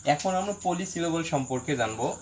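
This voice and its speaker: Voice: medium pitch, expressive, a little fast, background noise. A teacher gives an online lesson, repeating each phrase and breaking words into their parts. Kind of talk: online lesson, slow spelling-out.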